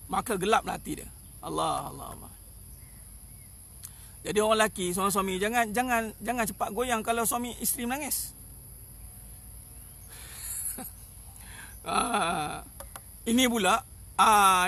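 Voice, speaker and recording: Emphatic Malaysian preacher, high gravelly voice. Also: male voice, a bit bright. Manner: emphatic, repetitive, rhetorical questions. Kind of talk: sermon. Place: outdoors in the sun.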